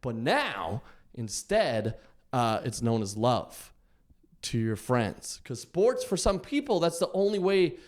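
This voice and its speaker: A man's voice: medium pitch, animated, slow, a little mellow. A man doing a stand-up set, telling rambling stories full of restarts and his own laughter, to a nearly empty room. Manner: rambling, self-interrupting storytelling with laughs. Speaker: stand-up comedian.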